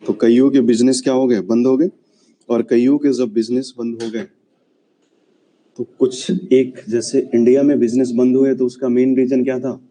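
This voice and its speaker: A man's voice: medium pitch, level tone, normal speed, dark tone, rough recording. A man lecturing a classroom on history, chatty and often checking whether students follow. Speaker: history teacher.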